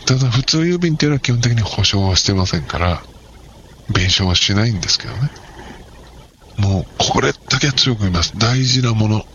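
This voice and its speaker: A man with a lowish voice talks casually in an interview, explaining postal services in a chatty, jokey way. The recording is dull and lo-fi, with a faint hiss underneath. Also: expressive, brisk, fairly bright tone. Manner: chatty, jokey, practical advice-giving. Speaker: post office worker as guest.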